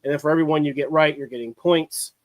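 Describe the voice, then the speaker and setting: A man's voice: on the high side, fairly even intonation, fast talker, dry recording. Easygoing man on a dry mic. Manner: easygoing, explains with many fillers. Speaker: podcast guest, game designer. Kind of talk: casual chat.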